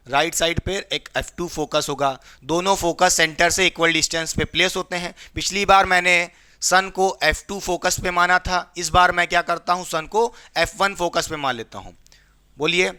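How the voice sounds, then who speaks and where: A young man teaching physics in a lively call-and-response lecture, firing questions at his students and answering them himself. His voice sits high and sounds very bright and sharp, with a smooth, crisp tone. He slips in playful jokes as he explains. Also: normal speed. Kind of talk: classroom lecture.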